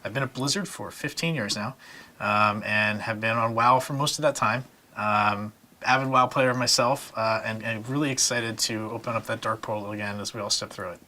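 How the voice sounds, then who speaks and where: Bright-voiced man chatting on a panel. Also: fairly low pitch, steady tone, normal speed. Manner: laughs often, many fillers and restarts. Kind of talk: casual panel chat.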